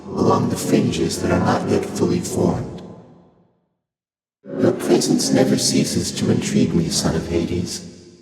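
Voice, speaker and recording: A man playing an ancient, courteous, detached deity of chaos in a video game, speaking in formal, stately phrases with faint amusement and a breathy voice in cavernous reverb. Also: low-pitched, monotone, takes it slowly, long pauses, heavily acted. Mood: stately, intrigued. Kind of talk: video game character dialogue. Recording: echoing long reverb under loud music.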